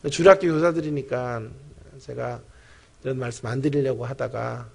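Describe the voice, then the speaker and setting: Gravelly man preaching a sermon. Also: mid-range voice, moderate pace. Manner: animated storytelling, talks directly to the congregation. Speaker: pastor and professor preaching at a teachers' revival. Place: church sanctuary.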